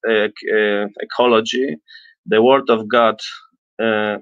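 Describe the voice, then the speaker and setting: A middle-aged man, a non-native English speaker, giving an unscripted explanatory talk as a priest, haltingly searching for words and often clearing his throat. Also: on the low side, steady tone, no echo. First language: not English. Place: small indoor room with bookshelves. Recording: dull lo-fi webcam audio.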